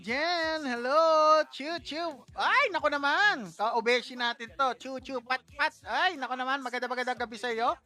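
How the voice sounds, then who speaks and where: High-voiced, bright Filipino woman host. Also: moderate pace, few pauses. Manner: chatty, exclaiming, laughs at own slips. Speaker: livestream host. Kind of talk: casual live stream shoutouts.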